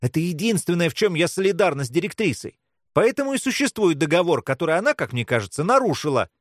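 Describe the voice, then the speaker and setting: A man's voice: a little high, very animated, quick pace, dry recording, studio quality, pitched above the performer's own voice. A man voicing a fierce, haunted teenage girl. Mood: earnest. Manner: sharp and impassioned, snapping between pleading and scolding. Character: tense, defensive teenage girl with a painful secret. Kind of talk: audiobook character voice.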